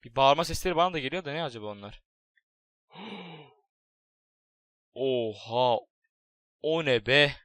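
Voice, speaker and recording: A young man giving casual, jokey game commentary, excitable and swearing, chatting to his in-game pet. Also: mid-range voice, measured pace, long pauses, no room sound. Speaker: gaming YouTuber. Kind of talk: casual Minecraft let's play commentary.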